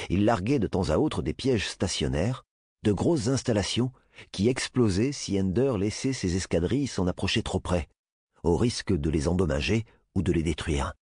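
Deep-voiced man narrating an audiobook. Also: a little mellow, breathy edge, no room sound, clean studio sound. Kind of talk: scripted narration.

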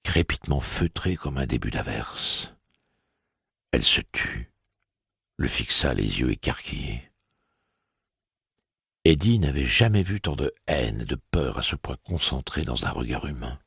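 A man reads a novel aloud in an extremely deep, gravelly voice with a husky, breathy grain. His delivery is steady and even. The recording is dry and close, with no room sound. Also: measured pace, pauses often, no echo. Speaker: audiobook narrator. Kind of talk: scripted narration.

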